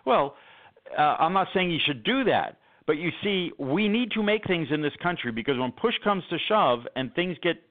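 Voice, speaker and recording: A man's voice: on the high side, animated, normal speed. Emphatic man on a phone line. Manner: emphatic, sarcastic, rambling with many fillers. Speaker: radio show guest, policy analyst. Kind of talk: political call-in radio talk. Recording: phone-line call-in audio.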